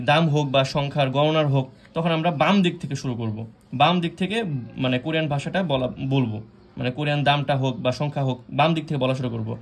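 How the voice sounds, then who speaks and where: A young man from Bangladesh explains a lesson step by step in a slightly raised voice. He repeats each point, asks his listeners quick questions and answers them himself, with hesitant fillers between the steps. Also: on the high side. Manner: hesitant, frequent fillers and restarts. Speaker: Korean language teacher.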